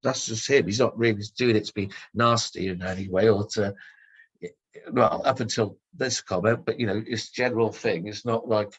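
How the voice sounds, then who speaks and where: A man's voice: fairly low pitch, fairly even intonation, moderate pace, breathy edge, poor audio. A man talking casually on a podcast, airing a grievance in a blunt, rambling way with heavy swearing.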